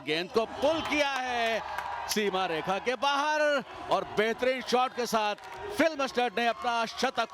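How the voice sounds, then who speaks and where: A man giving excited, emphatic cricket commentary as a match commentator. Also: high voice, noisy background. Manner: emphatic, animated.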